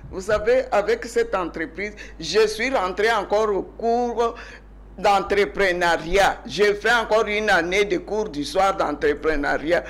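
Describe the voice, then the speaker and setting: Older woman telling her story. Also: on the low side. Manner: animated, emphatic, drops to soft murmurs. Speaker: guest. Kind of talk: TV interview storytelling.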